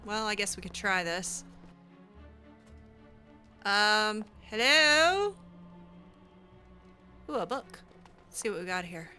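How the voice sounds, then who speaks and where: In her roleplay of a mage heroine in a fantasy video game, a woman ad-libs in character with a wry, sarcastic, somewhat hesitant manner. Her mid-range voice is bright and forceful.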